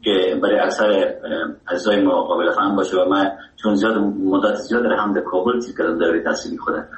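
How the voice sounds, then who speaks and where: Afghan Dari-accented male musician guest, low voice, heard from far off on a dull echoey line, warm and rambling. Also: fairly even intonation. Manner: warm, rambling, with many hesitations. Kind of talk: radio interview.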